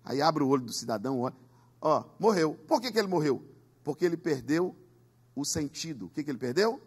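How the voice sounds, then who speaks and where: A man's voice: on the high side, expressive, fairly quick, slightly rough. A man preaching a Pentecostal sermon in a church, emphatic, with call-and-response. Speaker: pastor.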